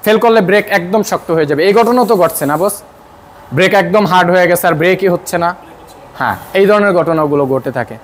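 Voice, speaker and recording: Fairly high-voiced Bangladeshi mechanic explaining. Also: male voice, lively intonation, fast talker, slight background noise. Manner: explanatory, many filler sounds. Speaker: car mechanic. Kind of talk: workshop demonstration. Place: car repair workshop.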